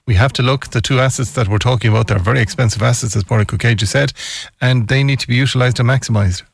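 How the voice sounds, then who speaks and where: A man's voice: mid-range voice, fast, vocal fry, slightly rough, no echo, clean studio sound. A man presenting a radio current affairs interview. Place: radio studio.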